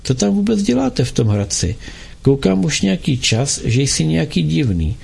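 A stern middle-aged country doctor lays down the law to his son, as a man reading aloud puts him on. His voice is husky and gravelly. It rises and falls with lively, scolding authority. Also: fairly high pitch, exaggerated voice.

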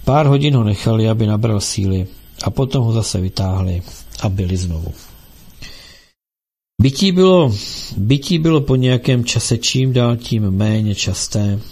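A man narrating an audiobook in a steady, measured reading style. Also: on the low side.

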